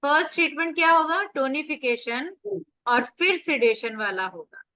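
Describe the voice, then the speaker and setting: A woman's voice: sits high, moderate pace, bright, forceful tone, no room sound. A woman acupressure teacher giving an online revision lecture over a video call, explaining step by step with rhetorical questions and staying firm with her students.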